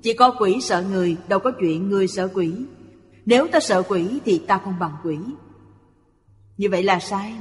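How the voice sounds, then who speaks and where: A speaker reading a Buddhist sutra commentary aloud in a measured, explanatory way. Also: medium pitch. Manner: slow, even, explanatory delivery. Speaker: reader of a Buddhist lecture. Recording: long hall reverb.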